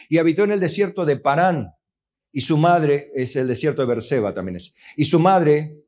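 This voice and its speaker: This is an Argentine man, a pastor delivering a sermon in a lively, conversational way. His voice sits a little high for a man, and he keeps asking his listeners questions before answering them. Now and then he slips into acted-out voices of God and of believers complaining. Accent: Argentine Spanish. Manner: asks the congregation questions and answers them himself.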